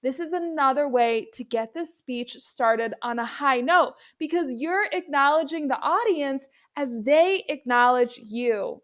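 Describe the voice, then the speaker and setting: Lady coach explaining stuff in a tutorial video, pretty high voice, talks right to you. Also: expressive, unhurried, few pauses, a bit bright. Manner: instructive, addresses viewer directly. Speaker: public speaking coach, presenter. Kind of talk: instructional video commentary.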